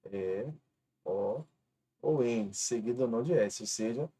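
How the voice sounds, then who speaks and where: A man's voice: mid-range voice, unhurried, mellow, slightly rough. A man with a Brazilian Portuguese accent teaching an online grammar lesson, patiently spelling out rules step by step. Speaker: exam-prep teacher.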